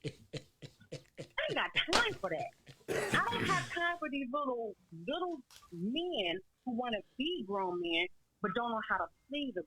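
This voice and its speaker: A woman's voice: a little high, sharp tone, husky, no echo, rough recording. A middle-aged woman calling in to a talk show over the phone, speaking bluntly and outspokenly about her complaints. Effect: heard over the phone. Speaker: caller. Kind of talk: call-in radio talk.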